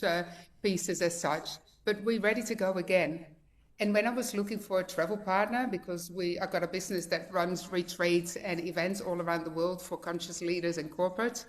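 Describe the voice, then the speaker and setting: With a voice on the low side and a mixed Dutch accent, a woman in her fifties from the Netherlands speaks as a guest on a video call. She shares her personal story in a heartfelt, chatty style, dotted with plenty of fillers.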